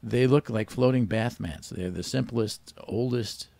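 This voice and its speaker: A man's voice: medium pitch, unhurried, creaky, dark tone, dry recording. A man hosting a radio quiz show, teasing the caller with dry wisecracks. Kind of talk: joking quiz banter.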